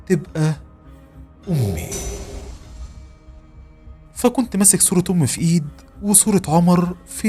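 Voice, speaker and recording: A man's voice: a little high, mellow. A man with an Egyptian Arabic accent narrating a first-person horror story in a tense, emotional way.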